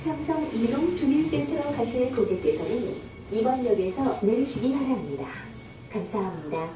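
Woman, recorded station announcer heard over a train PA speaker, slow and polite, slightly high voice, distant, echoey, loud train rumble behind. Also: animated. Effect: over a train PA loudspeaker. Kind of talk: scripted transit announcement. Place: inside a moving subway car.

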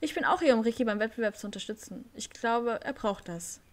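Woman reading supportive young woman, game dialogue, slightly high voice. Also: lively intonation, fairly quick, close to an everyday voice. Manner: reads game text aloud.

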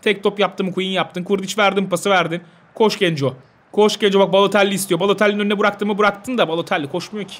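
A young man commentating his own football video game, talking to his players like a coach and shouting when goals go in. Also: sits high, steady tone, fast talker. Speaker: gaming video host.

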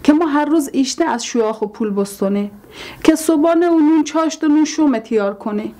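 A woman's voice: high-pitched, expressive, mellow, slight background noise. An actress playing a fussy, dramatic mother of the house who complains and bickers in a sitcom. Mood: complaining. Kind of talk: sitcom acting. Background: music.

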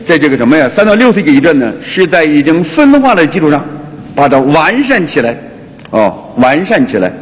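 Male qigong teacher, high-pitched and chatty, recorded in a lecture hall with long reverb. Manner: colloquial and lively, often repeating phrases.

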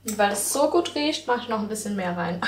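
In her echoey home kitchen, with faint noise and loud music behind her voice, a young cooking vlogger talks casually and thinks aloud while working. She sounds animated and fairly quick, with a mid-range voice.

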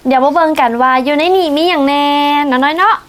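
A woman with a Lao accent and a notably high voice hosts a casual cooking vlog. She chats to her viewers as she works, often teasing her guest. There is a faint hiss under her voice. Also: quick pace, a bit bright. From southern Laos. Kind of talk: casual chat while cooking.

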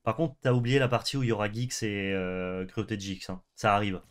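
A man's voice: fairly low pitch, brisk. A young man co-hosting a card game stream, chatting casually, swearing and laughing often. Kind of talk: casual gaming chat.

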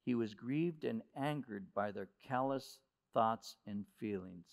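A male pastor preaching a sermon in a conversational way, with restarts and slow stress on key words. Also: medium pitch, vocal fry.

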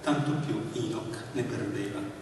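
A man giving a measured, expressive dramatic reading of a story. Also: fairly low pitch, slight background noise. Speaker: reader, storyteller. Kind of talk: dramatic literary reading with music. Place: large hall of a villa's lemon house. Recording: echoey hall, far from mic.

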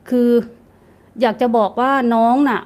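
A woman's voice: on the high side, steady tone, measured pace, darkish tone. A woman, a grieving mother, gives an earnest interview and repeats words when she is upset. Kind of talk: emotional interview testimony.

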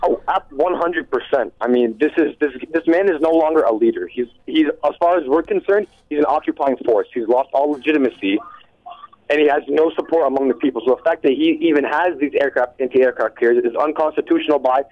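A man's voice: fairly high pitch, brisk, no room sound. A young man, a college freshman, calling in to a talk radio show and arguing passionately and urgently. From United States. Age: young adult. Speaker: caller. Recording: tinny phone line.

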